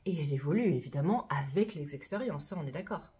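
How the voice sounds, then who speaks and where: A woman giving a chatty spiritual oracle card reading to her viewers, often tagging her sentences with "hein" and reading mantras slowly and softly. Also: low-pitched, expressive.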